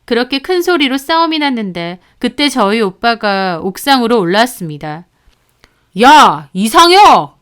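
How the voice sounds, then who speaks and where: A woman's voice: fairly high pitch, animated, normal speed, few pauses, a bit bright, smooth. Woman narrating a dramatized story.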